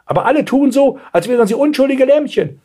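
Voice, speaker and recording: A man voicing a loud, indignant old grandmother in a storybook reading, scolding everyone. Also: sits high, lively intonation, normal speed, breathy edge, pitched above the performer's own voice. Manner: scolding, shouting.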